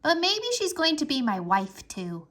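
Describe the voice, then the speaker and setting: A shrill, bouncy little boy from a storybook who loves showing off, as a woman reads him out. His voice swoops high and bright and bursts into excited cries. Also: a little slow, full character voice. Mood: chattering. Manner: excited, loud outbursts. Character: little boy, chatty show-off, loves attention.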